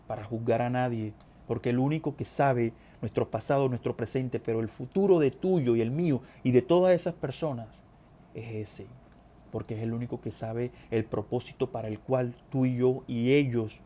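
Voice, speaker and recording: Addressing the brethren directly, a man delivers an earnest sermon, reading from scripture and repeating phrases to stress them. His voice is mid-range and mellow.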